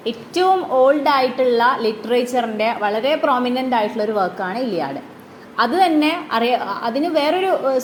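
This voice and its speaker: A woman teaching a literature class, reading English lines slowly and then explaining them in her own words, with frequent "okay" fillers. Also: a little high, echoey room, a little hiss or hum. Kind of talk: classroom lecture.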